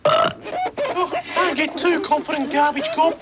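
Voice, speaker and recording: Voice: high-pitched, sing-song, slow, very noisy, full character voice. A performer voicing a cheeky, sarcastic animal who mocks a rival in a puppet show. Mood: mocking. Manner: mocking, sarcastic.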